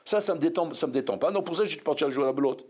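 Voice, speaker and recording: A man, a rabbi, preaching a sermon in a lively, scolding way full of rhetorical questions. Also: a little high, rapid-fire, husky.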